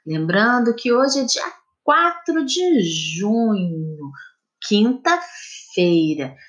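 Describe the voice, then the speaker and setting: A woman teacher leads a lesson for young children. Her voice sits high and moves through a wide, lively melody. She speaks slowly and stretches out each word she dictates. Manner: slow, lively, drawn-out dictation of words. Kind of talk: recorded classroom lesson for children.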